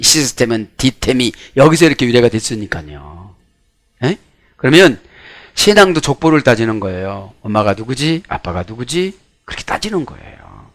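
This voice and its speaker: Animated Korean man preaching with swinging emphasis. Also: medium pitch. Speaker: pastor. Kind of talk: sermon with original-language Bible exposition.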